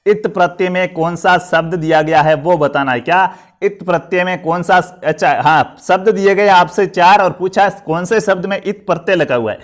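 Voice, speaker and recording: A man's voice: high voice, moderate pace. A man teaching a live online grammar class. He keeps asking questions and answering them himself, and he encourages the students.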